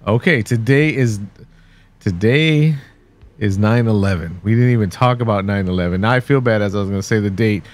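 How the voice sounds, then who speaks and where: A man's voice: on the low side, a little fast. A man from Texas, co-hosting a podcast in rambling, jokey casual chat, often restarting mid-sentence. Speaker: podcast co-host.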